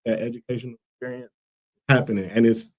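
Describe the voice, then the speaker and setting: He talks fast in a steady, medium-pitched voice. A school co-founder from Liberia, he's a talk show guest giving casual, earnest and thoughtful interview answers full of "like" and "um".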